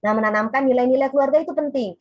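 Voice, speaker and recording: A woman's voice: high-pitched, racing, darkish tone, no room sound, rough recording. A woman in her forties giving a chatty webinar talk on parenting over a video call. She speaks straight to the parents listening and drops in English words.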